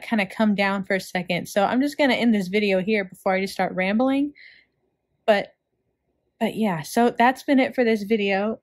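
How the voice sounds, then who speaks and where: A woman hosting a music reaction video, talking casually and effusively, rambling with fillers and restarts. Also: fairly high pitch. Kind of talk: casual reaction chat to camera.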